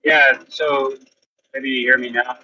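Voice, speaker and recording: A man with a bright, husky voice, posing careful questions in an online philosophy debate. He probes tentatively and rephrases as he goes. His voice comes through a dull, lo-fi voice chat line. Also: mid-range voice, fairly even intonation, unhurried.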